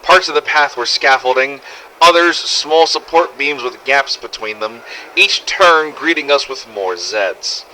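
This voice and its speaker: Narrating fan-made game audio logs, a man performs a scripted first-person survival story in character, dramatic and gritty with some swearing. His medium-pitched voice is bright and forceful at a measured pace, on a rough recording with a little hiss or hum.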